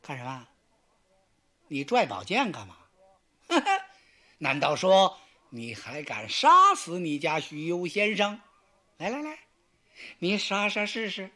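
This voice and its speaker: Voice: medium pitch, wildly swooping pitch, slow pace, pauses often, bright, forceful tone, pitched below the performer's own voice, full character voice. A storyteller voicing a smug, arrogant middle-aged male strategist in a traditional tale, taunting. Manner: boastful, taunting.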